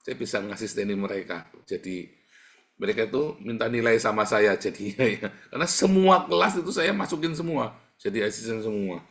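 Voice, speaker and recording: A middle-aged man preaching a sermon in with a lilt, telling a personal story. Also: a little fast. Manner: animated storytelling, big swings in pitch and loudness.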